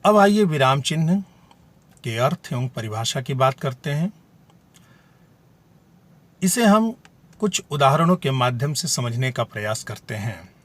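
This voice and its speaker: A male teacher gives a grammar lesson at an unhurried pace, defining each term with care. His voice rises and falls widely as he stresses key words. The recording is close and dry. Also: mid-range voice, big pitch swings, fairly bright tone, dry recording. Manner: deliberate, defines terms and spells out examples. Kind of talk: slow explanatory video lesson.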